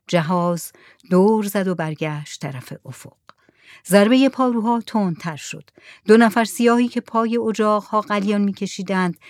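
A woman reading a literary short story aloud in a soft voice that often drops near a whisper. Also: medium pitch, no echo, studio quality. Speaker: narrator.

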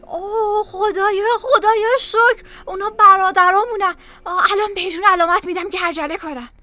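A young sister in a storybook, put on by a woman narrator, keeping watch from a tower. Her voice is very high and sharply bright, and it sits dry and close to the mic. She calls out her reports to the sister below. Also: dry recording. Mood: calling out. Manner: calling out, reporting eagerly. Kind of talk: storybook reading.

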